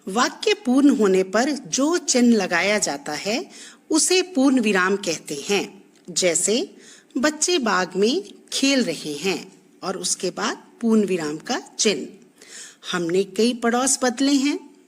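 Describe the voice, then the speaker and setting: A woman teacher giving a classroom lesson, explaining slowly and deliberately and working through example sentences. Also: mid-range voice, big pitch swings, slightly rough.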